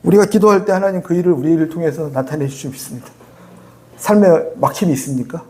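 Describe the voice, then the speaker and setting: High-voiced Korean man preaching conversationally. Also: quick pace, darkish tone. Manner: conversational preaching with rhetorical questions and acted-out prayers. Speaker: pastor. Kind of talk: sermon.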